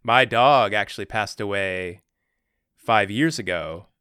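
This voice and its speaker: A man's voice: fairly low pitch, takes it slowly, pushed and bright, smooth, no room sound. Laid-back young man, dry close mic. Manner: laid-back, rambling with lots of "like" and "um". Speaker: podcast co-host, special guest. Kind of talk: casual chat.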